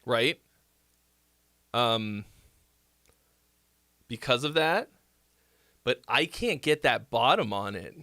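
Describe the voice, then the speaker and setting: Slow and expressive, with frequent pauses, this medium-pitched nasal voice sounds pushed and bright. The man is a music critique livestream host rambling through casual song feedback, full of fillers and restarts, captured in a dry, studio-quality recording.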